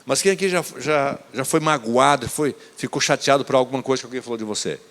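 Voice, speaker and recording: A man, preaching a church sermon with emphatic, raised appeals and soft asides. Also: medium pitch, fast talker. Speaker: pastor. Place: church service. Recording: reverberant church hall.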